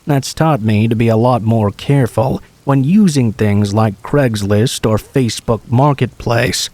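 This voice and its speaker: A man reading true scary stories aloud in the first person, in an even storytelling way. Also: medium pitch, measured pace, no echo. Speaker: horror story narrator.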